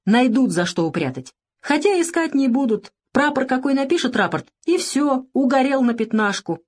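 A woman's voice: high voice, lively intonation, normal speed, pitched above the performer's own voice. A woman reading the lines of a streetwise male convict who lectures his cellmate with a wary, worldly manner. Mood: instructive. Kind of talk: audiobook character reading.

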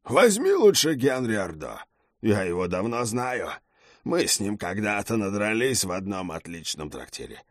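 A man's voice: fairly low pitch, very animated, normal speed, dry recording, clean studio sound. A man voicing a hulking, blunt male gang leader in an audiobook. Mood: gruff. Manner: blunt, growling.

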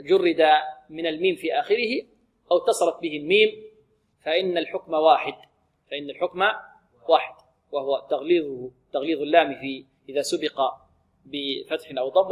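Male recitation teacher, higher register, quizzing and drilling students, recorded in a reverberant room. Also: a little fast, pauses often. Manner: asks rhetorical questions, drills syllables aloud. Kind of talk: tajweed lesson with call-and-repeat drills.

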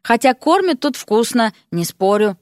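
A cheeky young prince, voiced by a woman narrator grumbles about his lot in a casual way. The voice is lively and fairly high. The sound is dry and close. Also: a little slow, no echo. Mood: grumbling. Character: cheeky young male prince, complaining student.

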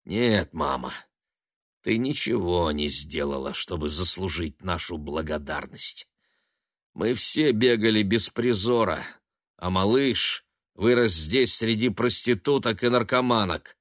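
A man voicing a scornful young man who mocks and shouts at his mother with contempt. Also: on the low side, takes it slowly, dry recording, studio quality. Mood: weary. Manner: mocking and contemptuous, often shouting.

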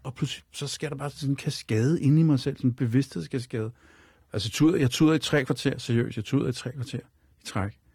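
Gravelly, husky man telling his story. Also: mid-range voice, a little mellow, no echo, clean studio sound. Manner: rambling and repetitive, leaning on fillers. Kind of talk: personal storytelling on radio.

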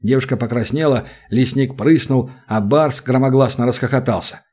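A man narrating an audiobook in a wry, expressive storytelling manner. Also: mid-range voice, moderate pace, slightly rough. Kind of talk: scripted narration.

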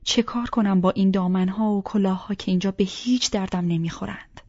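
A woman narrates an audiobook in the first person, soft and intimate, often dropping to a near whisper. Her mid-pitched voice is breathy and husky. The recording is dull and lo-fi. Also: steady tone.

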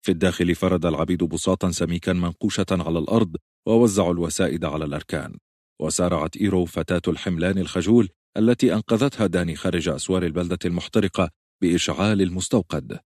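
A man reading a novel as an audiobook narrator, in a steady, measured way. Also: deep voice, no echo, studio quality.

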